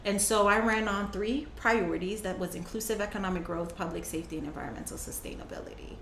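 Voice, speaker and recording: An echoey room with faint noise holds a young woman, an interview-show guest who runs a climate justice program, sharing her story earnestly and laughing often. She talks fast, with a medium pitch and fairly bright tone.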